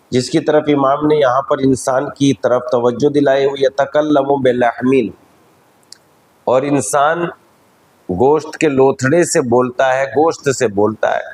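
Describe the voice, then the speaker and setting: A man with an Indian Urdu accent, a cleric giving a measured, teacherly religious lecture at a majlis. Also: medium pitch, darkish tone, low-quality recording.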